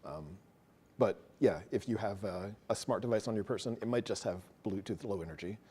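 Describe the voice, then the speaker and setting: A man presenting a technical talk to a live audience, quick and casual, joking about himself. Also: on the low side, dark tone, breathy edge. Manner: fast, casual, self-deprecating. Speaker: meetup presenter. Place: meeting room with an audience.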